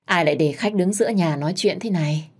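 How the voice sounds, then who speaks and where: Woman voicing a gentle, resigned young woman. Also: fairly low pitch, fast talker, slightly rough. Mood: subdued.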